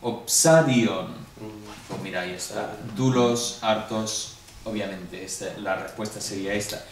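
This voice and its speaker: With a fairly low, steady voice at a moderate pace, a Spanish-accented Greek teacher leads a classroom review, walking through each answer step by step and asking students questions. The mic is distant, the room echoey, and a faint hum runs underneath.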